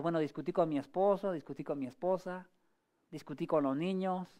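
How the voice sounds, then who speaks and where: A male pastor giving a sermon in a conversational way, asking the congregation rhetorical questions and often pausing or restarting his phrases. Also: sits high. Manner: frequent hesitations and restarts.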